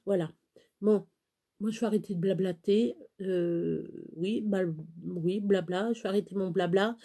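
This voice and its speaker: A woman's voice: mid-range voice, mellow. A woman from Touraine with a Touraine accent, chatting to camera on her own channel in a rambling way, with many fillers and restarts. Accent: Touraine French. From Touraine, France. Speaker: YouTuber. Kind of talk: casual chat to camera.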